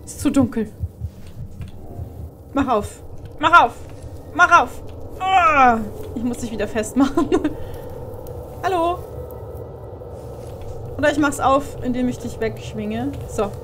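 Young woman let's-play host, high and unhurried, exclaiming, faint hiss behind. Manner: exclaiming, chatty, swears now and then. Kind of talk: commented horror gameplay.

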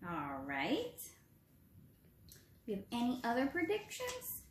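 In a small room at home, a woman in her twenties reads aloud to young children and quizzes them like a supportive teacher. Her voice is a little high and slow, with wildly swooping pitch. The roomy home recording carries a little hiss or hum.

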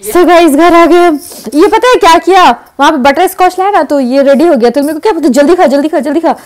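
A woman's voice: on the high side, rough recording. A woman talking through her casual vlog, chatty and laughing often, repeating herself as she goes. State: tired at the end. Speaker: vlogger.

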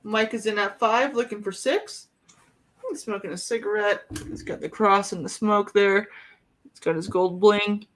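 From a small bedroom at home, a woman in her thirties runs a live clothing auction, describing each item in a loose, rambling style full of fillers and asides. It sounds like a desk webcam, and her medium-pitched voice keeps fairly even intonation at a moderate pace.

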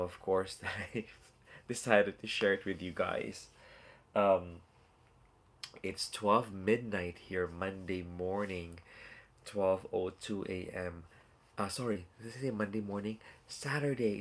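This toy collector, a nasal, congested man in his forties, rambles casually through a live-stream unboxing, filling it with asides and fillers for his viewers. His voice is lowish and slightly rough, captured at arm's length by a phone or webcam in a small room at home.

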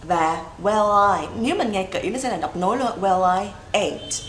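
A woman's voice: mid-range voice, expressive, moderate pace, a bit bright, roomy sound, slight background noise, low-quality recording. A young woman teaching English pronunciation on a livestream, chatty and repeating words to drill them. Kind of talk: livestream song lesson.

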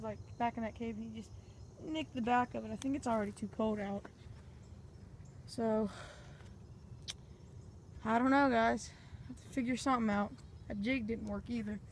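Woman on a phone at a pond, chatty rambly fishing vlog talk, slightly high voice, faint outdoor sounds behind. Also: a little hiss or hum. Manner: rambling, chatty, talks to viewers as "guys". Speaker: fishing vlogger. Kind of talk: casual outdoor commentary. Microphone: handheld phone.

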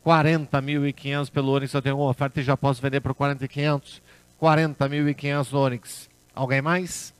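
A man calls a car auction as auctioneer, repeating figures in a steady chant. His voice sits at a medium pitch. The sound is dry, with very little room in it. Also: quick pace, smooth, no room sound. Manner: auctioneer's chant, repetitive bid calling. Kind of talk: live car auction calling, repeating bids.

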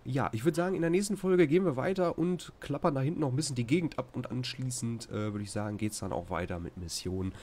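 German-accented guy, mid-pitched, rambling let's-play chatter with faint game noise under him. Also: fast talker, hardly any pauses, darkish tone. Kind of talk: casual gameplay commentary.

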